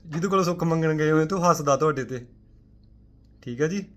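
A man delivers a Sikh spiritual talk to his audience at a fairly quick clip, speaking with force and posing rhetorical questions. He shifts between loud, emphatic outbursts and hushed, low asides, sprinkling in English words.

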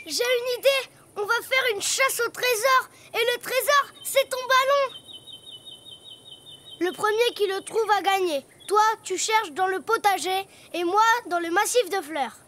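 A woman's voice: expressive, a bit bright, slight background noise, heavily acted. An actress voicing Trotro, a playful, cheeky little male donkey in a children's cartoon, talking in a sing-song way. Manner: high, sing-song child voice, slow and clear. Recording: music playing behind.

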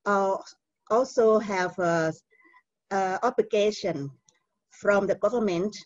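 Thai-accented woman giving a halting keynote. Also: mid-range voice, a little mellow, dry recording. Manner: careful, halting delivery with frequent "uh" fillers. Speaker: keynote speaker. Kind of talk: conference keynote presentation. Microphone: video call. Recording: dull lo-fi video call audio.

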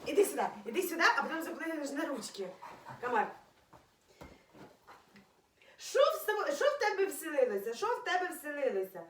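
Woman at home baby-talking her dog, high voice bouncing all over, echoey room, a bit far from the mic. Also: very animated, a little fast, pauses often. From Ukraine. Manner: playful cooing baby talk; teasing, laughing often. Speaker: dog owner. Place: at home indoors. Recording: roomy, from off-mic, faint noise.

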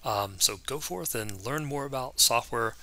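A man giving a recorded course lecture in a relaxed, conversational way, with frequent ums and restarts. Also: medium pitch, measured pace. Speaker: course instructor.

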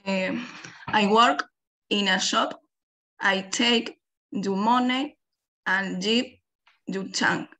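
A woman's voice: mid-range voice, bright, forceful tone, rough recording. A woman student with an Argentine accent reading English sentences word by word in an online class. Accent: Argentine Spanish. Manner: halting, tries English phrases word by word. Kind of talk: classroom practice, reading answers.

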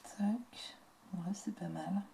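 A woman hosting a casual craft tutorial, talking through each step in a chatty, soft-spoken way and murmuring quietly as she works. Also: fairly low pitch, fairly even intonation, slow pace, gravelly, a little hiss or hum.

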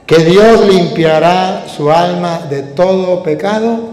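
A priest giving a wedding-mass sermon, emphatic and full of rhetorical questions. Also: male voice, sits high, slow, darkish tone. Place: church during a wedding mass. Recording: echoey church hall.

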